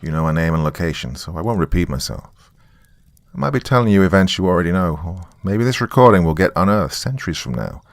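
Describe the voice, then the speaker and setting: A low-pitched man voices a tired, sarcastic small-town character giving a taped confession as a dramatic monologue in a horror tale. He talks fast and very animatedly, rambling in a wry, colloquial way with an uneasy, resigned mood, and there is no echo.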